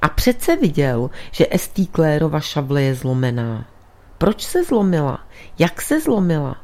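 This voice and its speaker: A woman's voice: low-pitched, very animated, a little mellow. A woman voicing a shrewd male priest detective who presses his point earnestly in a storybook reading. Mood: insistent.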